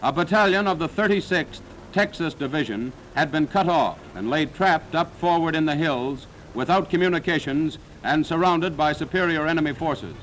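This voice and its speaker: A man's voice: fairly high pitch, normal speed, hardly any pauses, a bit bright, slight background noise, rough recording. A man narrating a 1940s wartime newsreel in a dramatic, solemn, declaiming manner.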